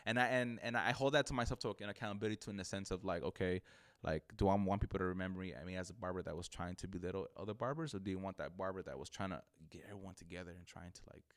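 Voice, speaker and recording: A man with a lisp from missing front teeth, chatting earnestly and casually as an interview guest, often repeating words. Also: deep voice. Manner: earnest, halting with repeated words, frequent "you know". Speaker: barber, podcast guest.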